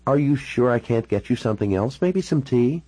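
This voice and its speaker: A man's voice: mid-range voice, expressive, normal speed, dark tone, no room sound, voice pushed up, lightly acted. A man voicing a polite, direct young woman in an audiobook. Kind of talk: audiobook character voice.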